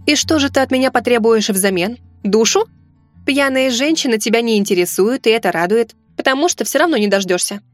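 A woman voicing a sharp-tongued young female student who talks in a pert, indignant way. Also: fairly high pitch, lively intonation, brisk, soft background music, close to an everyday voice. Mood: cheeky indignant.

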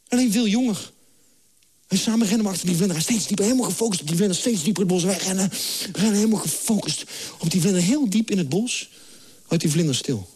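A man's voice: high voice, husky. A man telling a comic story on stage, acting out the characters as he goes. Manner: animated, acts out characters in English and Dutch. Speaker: comedian. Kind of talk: stand-up storytelling.

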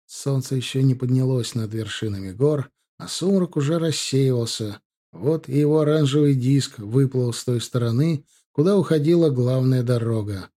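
A man narrating an audiobook in an even, measured storytelling manner. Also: medium pitch. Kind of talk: scripted narration.

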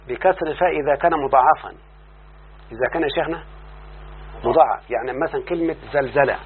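A patient Egyptian sheikh with a somewhat high male voice teaches Arabic morphology, walking a student through a classical text. He keeps checking that the student follows and says word forms slowly and drawn out, over a tinny, phone-like line with faint hum.

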